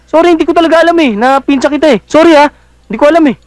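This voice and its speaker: An actor playing a pesky, glib young petty thief in a Filipino film drama, full of excuses, with a Filipino accent. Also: male voice, extremely high pitch, racing, dry recording, rough recording. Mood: defensive. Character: mischievous, pesky young cousin, petty thief, policeman's son.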